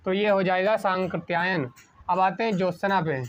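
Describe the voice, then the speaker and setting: A man teaching an exam-prep spelling lesson at a board, asking a question and answering it himself, slowing down on each correct word. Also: sits high, fairly even intonation. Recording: dull lo-fi sound.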